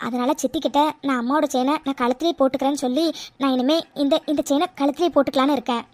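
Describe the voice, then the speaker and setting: A woman's voice: sits high, steady tone, very fast, darkish tone, natural voice. A woman voicing a sincere young woman in a cartoon, tearful and pleading, often repeating her words. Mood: worried. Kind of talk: cartoon voice acting.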